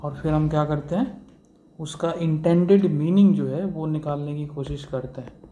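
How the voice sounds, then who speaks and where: A man with a slightly high, mellow voice gives a law lecture at a moderate pace, with a little hiss or hum on the recording. He explains step by step, mixes in English legal terms, uses fillers, and asks the class rhetorical questions.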